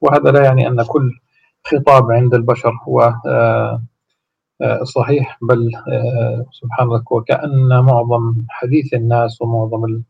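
A man with a gravelly, husky voice gives a religious lesson, moving from recited salutations into a slow explanation broken by many drawn-out pauses. His pitch stays flat and even throughout. The recording sounds dull and lo-fi. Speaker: religious teacher.

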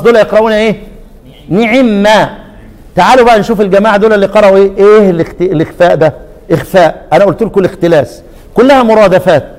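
A man's voice: sits high, big-room sound. A man teaching a class on Quran readings in Egyptian Arabic, often asking a question and answering it himself.

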